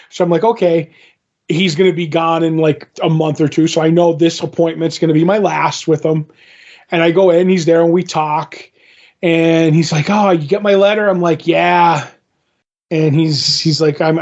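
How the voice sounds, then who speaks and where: A man in his fifties chats as a podcast co-host, his voice sitting high for a man. He rambles through anecdotes and acts out every line of dialogue, laughing easily as he goes. The recording is dull and lo-fi. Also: little pitch movement, moderate pace, a little mellow. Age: 50s. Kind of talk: casual chat.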